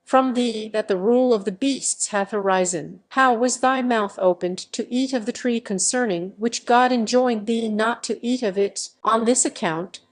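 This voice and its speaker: A woman's voice: fairly high pitch, moderate pace, hardly any pauses, natural voice. Defiant scolding wild beast, as a woman reads it. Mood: reproachful. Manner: reproachful, archaic speech.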